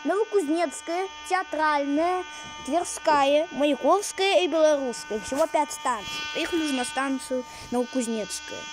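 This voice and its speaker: A woman giving casual, rambling game commentary in halting, repetitive phrases. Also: high voice. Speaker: gamer commentating. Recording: loud noise from train game. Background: train game sounds.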